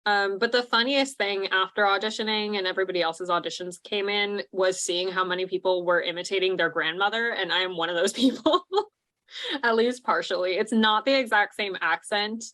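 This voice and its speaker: A woman who acts in musical theatre chats casually on a cast panel, giggling often between thoughts and using plenty of fillers. Her voice is mid-range, fairly quick, and a bit bright.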